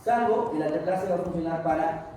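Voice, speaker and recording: A man giving a recorded medical lecture, asking and answering his own questions in an animated way. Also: fairly high pitch, quick pace. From Peru. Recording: echoey room, distant mic, faint noise.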